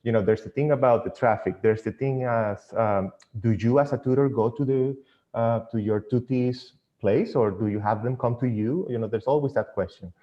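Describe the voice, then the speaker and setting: A man's voice: medium pitch, normal speed. Venezuelan man on a dull internet call. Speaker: online physics tutor. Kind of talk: casual interview talk. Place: indoors, speaking over a video call.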